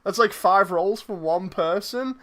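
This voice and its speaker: Responding to viewer messages on a livestream, a man speaks in a high-sitting, slightly bright voice at a moderate speed. He's the streamer and the project lead handling voice casting, and his relaxed talk meanders, stalls, and often trails away mid-idea.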